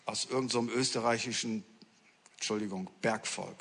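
A man's voice: on the low side, steady tone, fairly quick, a bit bright, husky, in a large hall. A male preacher giving a sermon, telling funny stories to his congregation. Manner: humorous anecdotal storytelling to a congregation.

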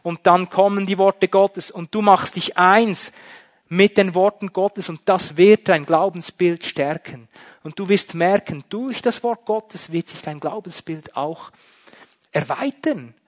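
A man preaching a sermon, emphatic, shifting between loud and soft. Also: high voice, a little slow. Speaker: pastor.

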